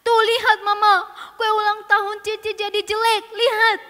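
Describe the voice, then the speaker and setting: Woman voicing a shrill bossy big sister. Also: a little slow, pushed and bright, big-room sound, heavily acted. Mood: wailing. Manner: scolding, shrill, tattling.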